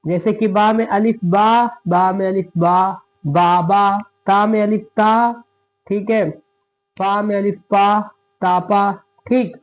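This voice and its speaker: Taking it slowly in a steady, high-sitting voice, a man leads a patient Urdu reading lesson. He breaks words down letter by letter, says every syllable again, and frequently checks with "thik hai."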